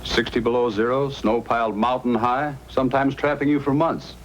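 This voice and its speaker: An actor playing a firm, helpful Mountie sergeant in an old-time radio drama. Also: male voice, mid-range voice, flat delivery, normal speed, highs cut off, slight background noise, close to an everyday voice. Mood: concerned, helpful. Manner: commanding, questioning, firm. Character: authoritative, helpful male Mountie sergeant of the Yukon.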